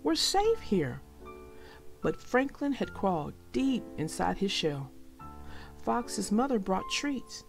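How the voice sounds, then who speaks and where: A woman reading a children's storybook aloud, gentle and expressive. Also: mid-range voice, slow pace, creaky, faint music behind.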